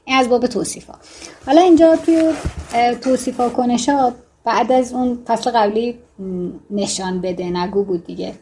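A woman's voice: on the high side, dark tone, slight background noise. A woman teaching fiction writing in a casual, chatty way, wandering off into joking asides. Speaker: writing instructor.

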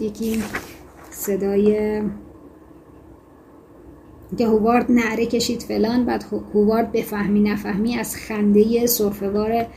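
Mellow-voiced woman teaching fiction writing. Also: medium pitch, vocal fry, slight background noise. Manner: conversational explaining with self-corrections, then measured reading. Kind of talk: lecture on fiction writing with read-aloud excerpts.

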